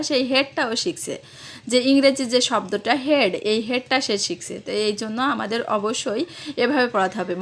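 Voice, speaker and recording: Woman, slightly high pitch, casual repetitive how-to talk for parents. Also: a bit bright. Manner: repetitive, explanatory, with fillers and self-corrections. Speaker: parenting vlogger teaching English to children.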